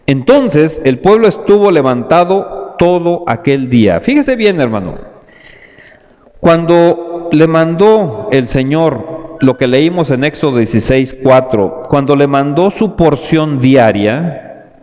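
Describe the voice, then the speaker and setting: A man preaching at an unhurried, measured pace, drawing out his words as he appeals to his congregation. His voice trails off into the long reverb of a church hall. The recording is dull and lo-fi. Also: on the high side, expressive, darkish tone. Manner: slow, deliberate preaching, calling out to the brethren. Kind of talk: sermon.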